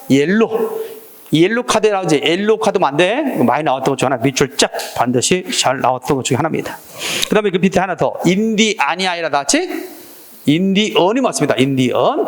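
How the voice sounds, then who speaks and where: A man teaching an exam-prep Korean language lecture, drilling students with call-and-response prompts. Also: a little high. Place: lecture classroom.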